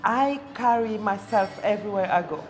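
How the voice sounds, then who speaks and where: A woman, born in Congo, speaking calmly and reflectively as an interview guest in a coffee shop. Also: mid-range voice, moderate pace, faint music behind. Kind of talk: casual interview.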